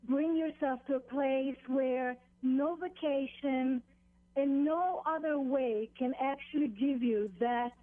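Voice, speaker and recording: A woman on a phone line explaining meditation as a teacher, deliberately, with pauses and repeated phrases. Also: high voice, dry recording. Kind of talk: explanatory radio interview, spiritual instruction. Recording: dull, narrow telephone line.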